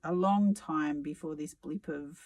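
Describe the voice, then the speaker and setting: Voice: medium pitch, unhurried, poor audio. A tarot reader giving a reflective solo reading, musing aloud with sarcasm and casual swearing.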